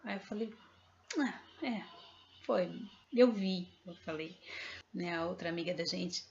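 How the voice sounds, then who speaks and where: A woman's voice: on the low side, unhurried, creaky, a little mellow. A woman recounts a personal spiritual experience in an earnest, storytelling way, repeating phrases and voicing the people in her story. The recording sounds dull and lo-fi, with a faint hiss underneath. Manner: earnest, repetitive storytelling that acts out dialogue. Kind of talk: personal testimony.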